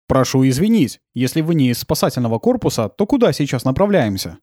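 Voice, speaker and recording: A man voicing a stubborn male policeman in an audiobook, giving loud, insistent orders. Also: medium pitch, sing-song, quick pace, dry recording, clean studio sound.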